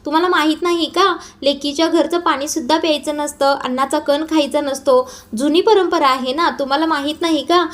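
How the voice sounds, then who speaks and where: A woman doing a haughty matriarch, scornful, cutting, high voice. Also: steady tone, fairly quick, hardly any pauses, fairly bright tone. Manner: cutting, contemptuous. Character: haughty middle-aged woman, scornful of poorer in-laws.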